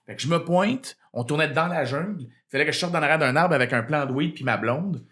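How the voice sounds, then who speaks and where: A man with a Québécois French accent, a comedian telling animated stories with plenty of swearing in a casual podcast chat. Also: a little high, fast. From Quebec. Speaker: guest comedian.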